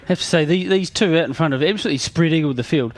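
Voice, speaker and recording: A man's voice: fairly high pitch, rapid-fire. A man giving conversational motorsport analysis as co-commentator, hesitantly rephrasing as he goes.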